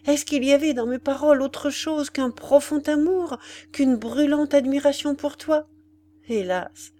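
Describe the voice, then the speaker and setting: A woman's voice: fairly high pitch, darkish tone, close to an everyday voice. A woman reading aloud, voicing a desperate young woman who pleads with her beloved in an impassioned, tearful way.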